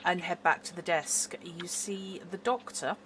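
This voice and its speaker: A woman's voice: lowish voice, steady tone, unhurried, a bit bright. A woman acting as game master, narrating and chatting casually in a tabletop game on an online call. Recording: faint background noise.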